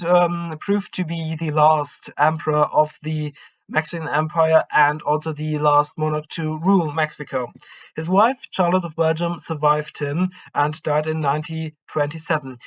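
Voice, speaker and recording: Man, German accent, casual history talk, hesitant with fillers, slightly raised pitch, muffled low-fi recording. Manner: hesitant, many ums and self-corrections. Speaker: history channel host.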